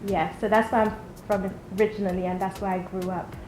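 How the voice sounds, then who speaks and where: A woman's voice: medium pitch, flat delivery, brisk, a little mellow, slight background noise. Chatty Nigerian-raised young woman, echoey room. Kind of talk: casual group interview. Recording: echoey room with music behind.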